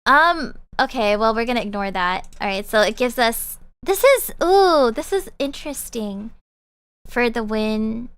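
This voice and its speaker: Winding down her stream, a young VTuber chats casually and bubbly, rambling along with many fillers. Her slightly high voice is expressive and unhurried, smooth and a bit bright.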